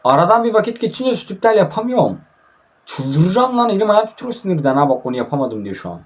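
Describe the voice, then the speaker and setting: A man's voice: high voice, sing-song, fast. Grumbling young man playing a mobile football game. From Turkey. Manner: frustrated, grumbling, swears often. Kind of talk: casual gameplay commentary.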